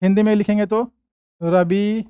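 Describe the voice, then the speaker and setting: A man teaching a lesson, slowly repeating each word and answering his own questions, recorded close in a quiet room. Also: sits high, steady tone, smooth, no echo, muffled recording. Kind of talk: classroom-style lesson with call and response.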